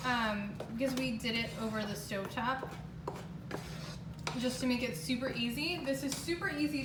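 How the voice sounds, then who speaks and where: A woman giving a casual, chatty home cooking demonstration in a kitchen, talking in an emphatic, exclamatory way. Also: a little high. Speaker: home baking show host. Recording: roomy, distant mic, clear background noise.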